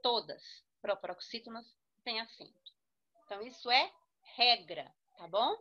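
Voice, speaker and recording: A woman's pushed, bright voice sits on the high side with lively intonation and a measured pace as she teaches a grammar lesson. With a Brazilian Portuguese accent, she spells out syllables and checks in often, and the recording is muffled.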